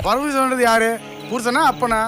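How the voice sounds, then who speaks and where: An actor playing a curt police inspector questioning a family. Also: male voice, very high voice, fairly even intonation, moderate pace, music in the background. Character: brusque middle-aged police inspector. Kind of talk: film drama acting.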